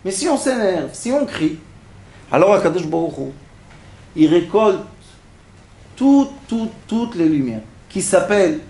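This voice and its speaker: A man teaching a religious lesson to an audience, acting out little everyday scenes with animated, laughing delivery. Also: high voice, measured pace, pauses often, reverberant. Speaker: rabbi teaching a class. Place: classroom.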